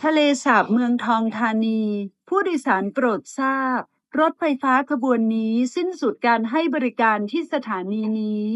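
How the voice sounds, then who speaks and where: A woman delivers recorded train announcements in a high, clear voice. She speaks slowly and politely, with each phrase evenly spaced. The sound is dry and close, with no room echo. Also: dull audio. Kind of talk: formal bilingual transit announcement.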